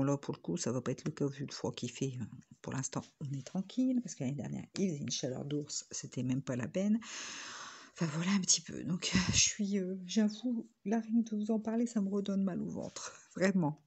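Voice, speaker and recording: A woman's voice: low-pitched, vocal fry, darkish tone, husky. A woman talking casually in a home vlog while crafting, rambling from one topic to the next, recorded on a phone on a tripod. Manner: rambling, chatty, jumping between topics. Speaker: vlogger.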